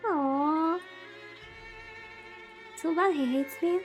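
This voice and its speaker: A high-voiced woman hosts a VTuber livestream, chatting casually and slowly in a playfully dramatic way while playing a visual novel. Music plays in the background.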